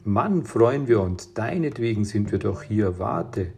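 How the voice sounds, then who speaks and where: A man's voice: fairly low pitch, expressive, a little slow, creaky, music in the background. A man reading aloud as a teenage boy who leads his friends, urging and reassuring.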